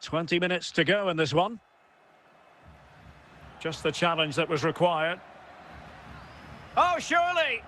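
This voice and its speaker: This is a male play-by-play football commentator, recorded in a studio and played back from a game. His voice sits high and sounds bright and ringing. He calls the action in brisk bursts and names the players as the ball moves. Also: steady tone, a little hiss or hum. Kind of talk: sports commentary.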